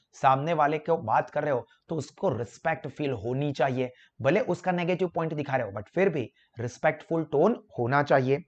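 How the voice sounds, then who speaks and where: A fairly high-voiced young man with a Gujarati accent gives a classroom lecture, switching between languages as he explains. He acts out little phone conversations to make his points. The sound is a bit dull and lo-fi. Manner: explains in a lively way, acting out phone chats as examples. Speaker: commerce teacher. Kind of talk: classroom lecture mixing Hindi and English.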